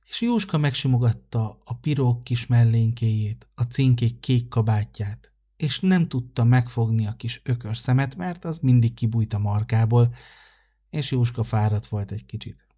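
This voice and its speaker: A man calmly narrating a children's story aloud. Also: mid-range voice, muffled recording. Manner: calm, measured narration.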